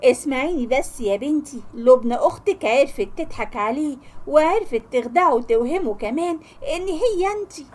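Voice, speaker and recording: A woman with an Egyptian accent voicing an older aunt who gently coaxes her niece. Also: high voice, expressive, a little fast. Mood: coaxing. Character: older aunt, coaxing matchmaker.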